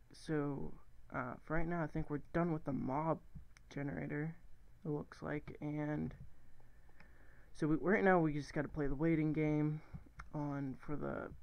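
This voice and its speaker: A man's voice: on the high side, creaky, rough recording. A young man casually commentating his own gameplay, rambling and thinking aloud, often correcting himself and swearing casually. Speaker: gaming channel host.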